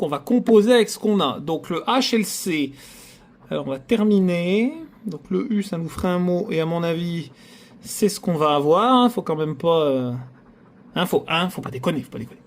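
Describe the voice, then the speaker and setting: A man hosting his own channel, chatting casually to viewers as he scratches lottery tickets and groans theatrically at every loss. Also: high voice. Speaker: channel host.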